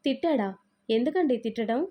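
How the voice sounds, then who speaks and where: A thrifty, bossy mother-in-law barks out brisk orders about the kitchen, voiced by a woman reading the tale. Her voice sits fairly high with a mellow, warm tone. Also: close to an everyday voice. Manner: commanding, brisk.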